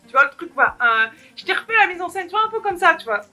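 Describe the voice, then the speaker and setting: A woman's voice: extremely high pitch, sing-song, fast talker, sharp tone, faint music behind. A young woman vlogger talking alone to the camera in a casual haul video, giggly and rambling, poking fun at herself. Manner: giggly, rambling, self-mocking. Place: alone at home.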